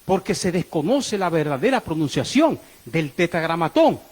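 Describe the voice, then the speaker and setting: A male preacher giving a sermon, questioning the congregation and swinging between loud exclamations and low murmurs. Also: big pitch swings, normal speed, low-quality recording.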